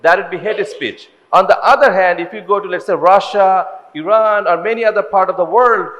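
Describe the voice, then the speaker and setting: Giving a measured panel answer, the Bangladeshi man explains his point with frequent "you know" fillers, his high voice a bit bright. His words ring out with long reverb across a large ballroom.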